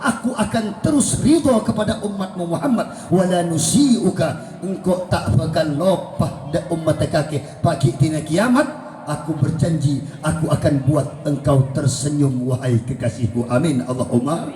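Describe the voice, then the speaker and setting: A man preaching a sermon, telling the story with acted dialogue and a pitch that swoops up and down. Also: moderate pace, music in the background. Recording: echoey hall with faint noise.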